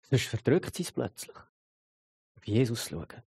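A man's voice: medium pitch, very animated, slow, warm tone, breathy edge. A middle-aged man preaching a sermon with a Swiss German accent, in a conversational way that keeps asking the listeners to agree. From Switzerland.

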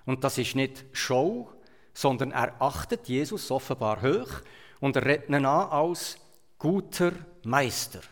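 A Swiss preacher with a Swiss German accent tells his sermon as a story, climbing to loud emphasis before falling back to quiet asides. His middle-pitched voice is animated yet measured in pace. A long reverb suggests a church hall.

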